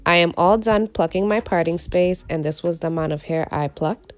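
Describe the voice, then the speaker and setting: A woman beauty vlogger with a raspy, gravelly voice from a recovering cold, giving a tutorial voice-over. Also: lowish voice, normal speed, faint music behind.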